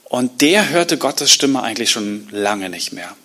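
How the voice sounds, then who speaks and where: A man preaching a sermon, retelling a Bible story in a lively, colloquial way and acting out the quotes. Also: mid-range voice, a little slow. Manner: colloquial asides. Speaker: pastor.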